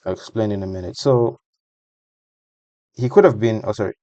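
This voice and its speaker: Low-pitched guy talking through match footage, super dry audio, keeps repeating himself. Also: normal speed, dark tone, dry recording, lo-fi sound. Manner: conversational, repeats phrases for emphasis. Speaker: football match analyst. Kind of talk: casual voice-over match breakdown.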